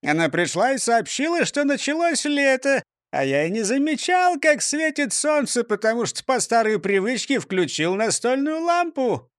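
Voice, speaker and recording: A man voicing a cheerful, excitable small-town mayor in a children's story. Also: very high voice, moderate pace, no echo, studio quality, pitched above the performer's own voice. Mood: proclaiming. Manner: cheerful, exclaiming. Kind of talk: audiobook character voice.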